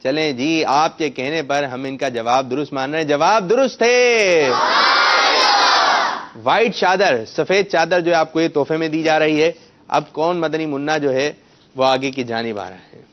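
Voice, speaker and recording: A man's voice: a little high, over a noisy crowd, heavy background noise. A man hosting a children's quiz show, coaxing the kids and correcting their pronunciation. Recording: muffled lo-fi broadcast sound.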